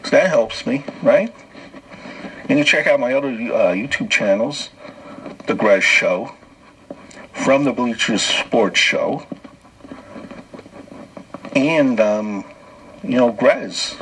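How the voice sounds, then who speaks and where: On his solo comedy podcast, a man riffs wry jokes off the cuff, chuckling between bits and restarting loosely. He speaks slowly with long pauses in an expressive, mid-range, fairly bright voice with a breathy edge, captured on a low-quality recording.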